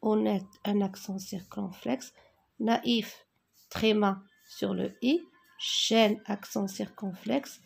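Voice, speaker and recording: A woman teacher going slowly through a spelling exercise, dictating words and naming each accent mark. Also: medium pitch, fairly even intonation, vocal fry, husky. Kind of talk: worksheet correction lesson.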